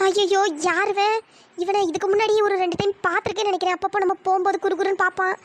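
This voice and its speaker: A performer doing a very high, quick cartoon girl. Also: flat delivery. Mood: worried. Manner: firm and scolding. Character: young female student, scared then defiant.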